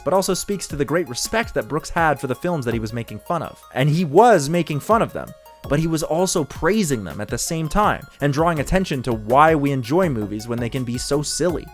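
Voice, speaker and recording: A man giving scripted narration for a video essay in an analytical tone, with dry jokes tossed in. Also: a little high. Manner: dry jokey asides in an analytical tone.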